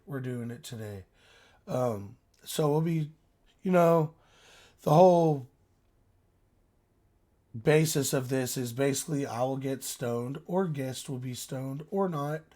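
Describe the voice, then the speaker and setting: A man's voice: mid-range voice, a little mellow. Casual man hosting a solo podcast. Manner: profane, informal slang. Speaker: podcast host.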